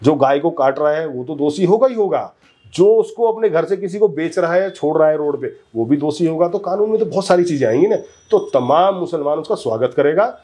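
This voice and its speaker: A man's voice: on the high side, animated, brisk, warm tone, breathy edge. A man as a guest in a heated political interview, talking emphatically, arguing his points and often cutting in over the interviewer. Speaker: interview guest, community leader.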